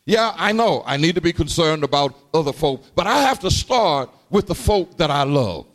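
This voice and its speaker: A man preaching a sermon in a rhythmic, call-and-response style, dropping to low murmurs and rising to sung shouts. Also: big pitch swings, moderate pace. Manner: repeats and calls to the congregation.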